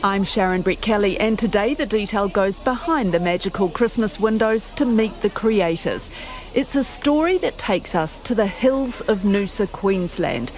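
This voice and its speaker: A woman, a radio reporter narrating a feature and interviewing a guest in a measured, clear way. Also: mid-range voice, a little mellow.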